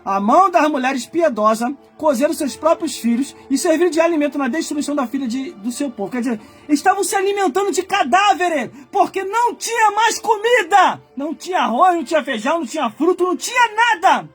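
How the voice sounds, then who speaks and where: A Brazilian man in his forties preaching a fiery sermon, shouting and exhorting his listeners. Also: extremely high pitch, lively intonation, brisk, hardly any pauses, soft background music. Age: 40s. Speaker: pastor.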